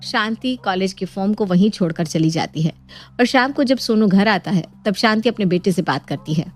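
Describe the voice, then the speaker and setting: A woman narrating a cartoon bedtime story in a steady storytelling manner. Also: medium pitch, moderate pace.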